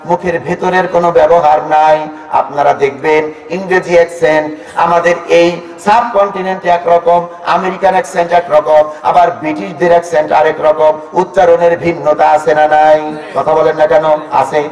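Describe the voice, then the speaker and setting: High-pitched chanting preacher man. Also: flat delivery, normal speed, a little mellow, faint music behind. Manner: chanting, rising preaching cadence with call-and-response questions to the crowd. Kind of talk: Bengali waz sermon. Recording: echoey, distant sermon recording.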